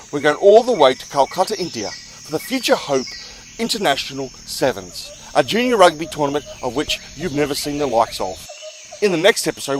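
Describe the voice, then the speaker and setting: A man hosting a rugby show, presenting scripted highlights in an upbeat, emphatic showman style. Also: slight background noise, low-quality recording. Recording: music playing behind the voice.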